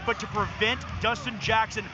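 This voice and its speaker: A man calling live wrestling as play-by-play commentator in an excitable, emphatic way. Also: sits high, moderate pace. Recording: dull lo-fi broadcast with loud music.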